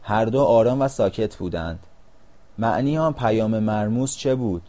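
A man narrating a storybook in a calm, measured reading voice. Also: lowish voice.

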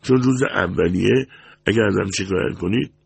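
A man's voice: fairly low pitch, vocal fry, husky, dry recording, full character voice. A man voicing a nervous young waitress on her first day, flustered and defensive.

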